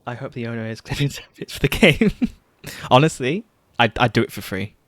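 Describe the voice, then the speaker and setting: A man's voice: mid-range voice, animated, brisk, fairly bright tone, no room sound. Chatty male streamer, laughing often. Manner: chatty, laughs often, reads game text aloud. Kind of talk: casual gaming commentary.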